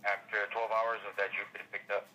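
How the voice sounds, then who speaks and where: A man's voice: on the low side, level tone, a little fast, sharp tone, a little hiss or hum. A man working as a tow company clerk gives curt answers during a phone call, heard through a speakerphone. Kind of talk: phone conversation.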